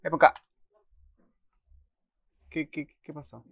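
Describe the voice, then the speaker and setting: A man's voice: fairly high pitch, steady tone, slow pace, gravelly, dry recording, narrow, tinny audio. A man in his twenties with an Argentine accent gives casual reaction commentary, reading subtitles aloud and exclaiming in between. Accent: Argentine Spanish. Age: 20s. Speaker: reaction video host.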